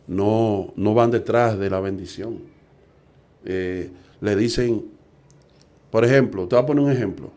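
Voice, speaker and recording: On the low side and mellow, the voice belongs to a middle-aged evangelist preacher from the Dominican Republic, who preaches with earnestness and asks rhetorical questions.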